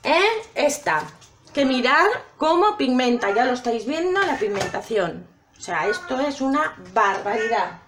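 A woman's voice: a little high, very animated, a little slow, noisy background. A woman chatting casually to her viewers while trying out makeup. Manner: chatty, addresses viewers directly. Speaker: makeup vlogger.

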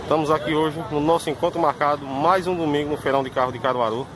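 A car vlogger films a casual walkaround of vehicles at an outdoor car fair on his phone, chatting informally and repeatedly saying "pessoal." He talks fast in a fairly even, higher-pitched voice. Traffic, crowd ambience, and street noise fill the background.

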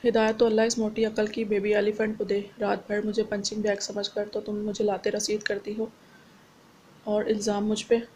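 A woman's voice: medium pitch, completely flat delivery, moderate pace, darkish tone, a little hiss or hum, natural voice. Storybook husband, playful and boastful, teasing banter in a level tone, voiced by a woman.

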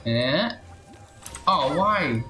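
Streaming a video game, a man gives casual, playful live commentary, muttering short exclamations to himself and his chat. His voice is a little high, bright and forceful, animated with drawn-out words, in a roomy echo with video game music behind.

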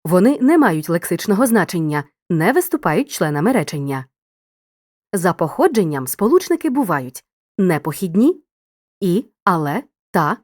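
A woman narrating a grammar lesson in a clear, scripted, teacherly way, speaking directly to the listener. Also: on the low side, darkish tone, no room sound, studio quality.

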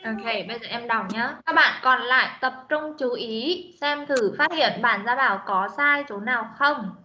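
A fairly high-voiced woman teacher runs an online English lesson, correcting pupils and repeating each word slowly and sternly. The call audio sounds muffled and dull. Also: bright, forceful tone, a little hiss or hum. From Vietnam. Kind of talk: online class pronunciation drill. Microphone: video call.

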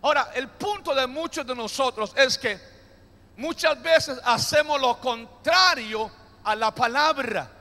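The pastor's voice is extremely high, bright, and forceful, delivered at a measured pace. Preaching in a reverberant church hall, he tosses in jokey asides and leads the congregation in call-and-response.

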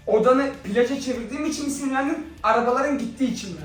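A young man hosting a casual prank vlog, talking in an excitable, teasing way. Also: very high-pitched, rapid-fire. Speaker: vlogger. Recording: echoey room, far from mic, music behind.

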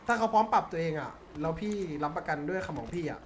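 A man's voice: fairly high pitch, big pitch swings, a little hiss or hum. A man talking in character as a gang member in a role-play game, firmly setting conditions. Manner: firm, quick-talking negotiator.

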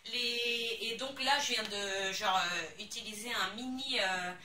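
A young woman gushes over the products she unboxes, casual and full of exclamations. Her voice is quite high and very bright. It sounds roomy and echoey, with her a little away from the mic and a faint hiss behind. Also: measured pace. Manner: excitable, gushing, exclamations. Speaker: beauty vlogger. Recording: echoey room, somewhat far from the mic.

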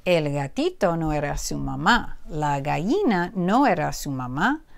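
Female storybook reader, unhurried and animated, asks the kids along the way. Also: low-pitched, creaky. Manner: slow, expressive, asks listeners questions. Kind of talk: reading a picture book aloud.

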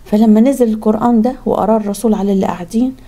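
A religious speaker with an Egyptian Arabic accent gives a conversational talk, telling stories quickly and frequently restarting her words. Her voice is fairly high in pitch, with a steady, dark tone.

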